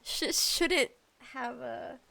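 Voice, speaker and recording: Stretching out her words, a woman with a high, creaky, nasal and congested voice hosts a rambling solo podcast. She is animated and pleading and keeps putting herself down in asides.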